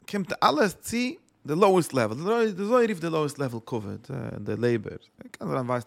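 Guy with a gravelly voice teaching a religious class, keeps repeating words, throws in english bits. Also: mid-range voice, a bit bright. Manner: searching, repeats words while explaining. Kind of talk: Torah lecture in Yiddish-inflected German.

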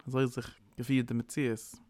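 A man's voice: medium pitch, flat delivery, brisk, a little mellow. A man giving an informal, rambling sermon, mixing in English words. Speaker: preacher. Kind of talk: informal Yiddish-tinged sermon.

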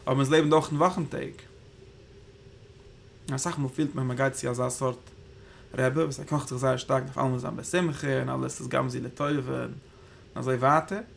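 Gravelly-voiced man teaching Torah in Yiddish. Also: mid-range voice, steady tone, normal speed, slight background noise. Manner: rambling, thinking aloud, Hebrew terms woven in. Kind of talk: Yiddish Torah class on the Zohar.

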